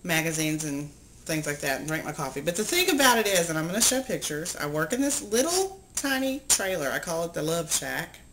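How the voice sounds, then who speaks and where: Middle-aged woman, casual vlogger, lowish voice, rambling storyteller, noisy home recording. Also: a little fast. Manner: chatty, rambling, animated storytelling with many ums. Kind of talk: casual vlog chat.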